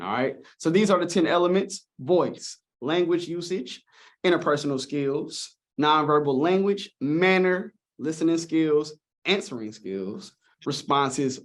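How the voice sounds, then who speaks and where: A man coaching students on interviews during a live webinar, casual and encouraging, often checking in with "all right?". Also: fairly high pitch. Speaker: presenter.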